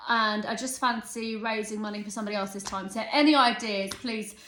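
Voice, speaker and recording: A woman's voice: mid-range voice, steady tone, a little fast, a bit bright, slight background noise. A woman in her thirties chatting casually and a bit ramblingly in a vlog. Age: 30s. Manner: chatty and rambling, self-aware, determined. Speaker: vlogger. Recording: echoey room.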